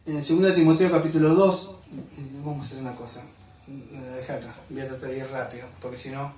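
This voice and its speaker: A man's voice: medium pitch, steady tone, quick pace, darkish tone. A male pastor preaching a sermon, asking his listeners rhetorical questions and calling them beloved. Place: church sanctuary. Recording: echoey church hall, from a distance.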